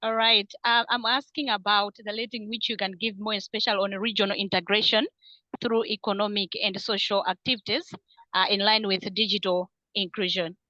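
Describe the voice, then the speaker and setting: A woman's voice: medium pitch, level tone, moderate pace, bright, forceful tone, no room sound. A woman from Malawi moderating an online panel, polite and using many fillers. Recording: muffled online call audio.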